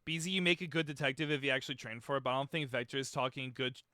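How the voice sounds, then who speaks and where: A man reacting casually on a livestream, excitable and slangy, prone to exclaiming. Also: mid-range voice, very fast, no room sound, clean studio sound. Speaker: streamer.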